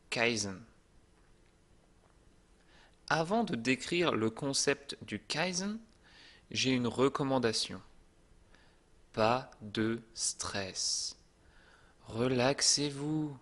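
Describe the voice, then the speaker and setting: A man narrating a French lesson in a calm, deliberate, scripted manner. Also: mid-range voice. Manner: slow and deliberate, calm reassuring delivery. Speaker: French teacher.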